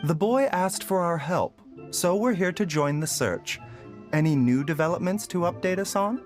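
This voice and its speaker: An actor playing a composed, gentle doctor in a video game, speaking politely and formally. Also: male voice, sits high, lively intonation, normal speed, faint music behind. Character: courteous, composed, gentle male doctor and pharmacist.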